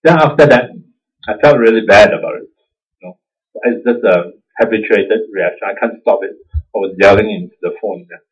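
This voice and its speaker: Speaking at a normal pace in a husky, fairly low voice, a male Buddhist teacher with a Singaporean accent offers an informal dharma talk. He's chatty and self-deprecating with frequent chuckles, and the recording is dull and lo-fi.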